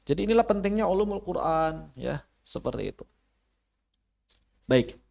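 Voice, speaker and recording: A man teaching an online Quran lesson in a casual way, asking rhetorical questions and rising high to stress his points. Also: moderate pace, creaky. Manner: animated, rises high when stressing a point; casual, uses local slang. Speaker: Islamic studies teacher. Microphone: close mic, online class.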